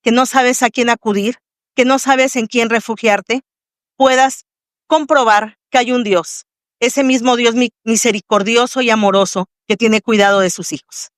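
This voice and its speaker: A woman with a Mexican accent hosts a faith testimony podcast. She speaks in a fairly high voice with a devout, welcoming manner. The sound is dry and close. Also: fairly even intonation, normal speed, no room sound. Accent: Mexican Spanish. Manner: warm, devout welcoming address to the audience. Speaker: podcast host.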